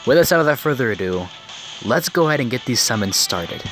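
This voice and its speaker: Game music runs in the background as a 19-year-old man comments casually on his mobile game summons. He speaks at a moderate pace with medium pitch, gets excited, stutters at times, and holds the phone microphone very close to his mouth.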